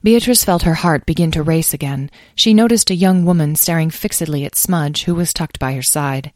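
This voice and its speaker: A woman narrating a children's story in a calm, measured way. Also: deep voice, dry recording, studio quality.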